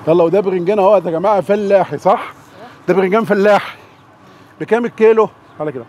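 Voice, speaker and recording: A man's voice: high voice, fast, a little mellow. A man with an Egyptian Arabic accent chatting casually as he tours a produce market, repeating prices back to viewers. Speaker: vlogger touring a produce market. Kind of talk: casual on-location chat and price commentary. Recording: muffled outdoor market recording, street noise.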